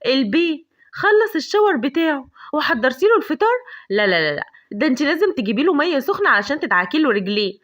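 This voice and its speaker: A woman's voice: high voice, very animated, fast talker, a bit bright. A woman with an Egyptian accent voicing a mischievous young woman in a storybook tale who mocks and teases. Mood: mocking. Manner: mocking, teasing.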